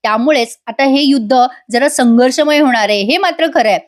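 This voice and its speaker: A woman's voice: high voice, brisk. A woman giving a chatty voice-over review of a TV serial episode, speaking directly to viewers.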